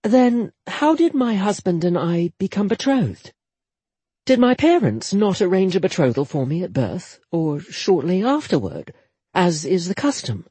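A man voicing a curious, polite young noblewoman in a softened, raised voice. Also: sits high, sing-song, unhurried, husky, dry recording, pitched above the performer's own voice, full character voice.

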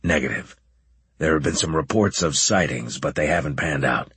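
A man voicing a gruff military officer who gives curt, clipped orders in a deeper voice than his narration. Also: normal speed, a bit bright, dry recording, full character voice. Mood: stern. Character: gruff commanding male centurion officer.

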